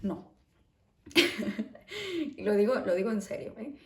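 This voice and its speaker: A woman's voice: medium pitch, sing-song, takes it slowly, reverberant. A woman from Peru with a Peruvian Spanish accent, talking in a casual, reflective personal vlog and often adding "¿no?" to her phrases. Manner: chatty, reflective, tags phrases with "¿no?". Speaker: vlogger.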